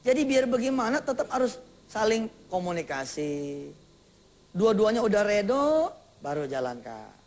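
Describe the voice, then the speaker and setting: A man with a Jakarta accent preaching a sermon to a live audience, animated and joking, acting out small dialogues. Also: sits high, a little slow. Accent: Jakarta Indonesian. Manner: animated, acts out little dialogues, jokes with the congregation.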